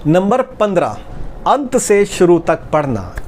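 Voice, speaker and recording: Guy with a high voice teaching step by step, faint room hum behind. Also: wildly swooping pitch, takes it slowly, darkish tone. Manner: explains step by step, addresses viewers as friends. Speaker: publishing instructor. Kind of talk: tutorial talk.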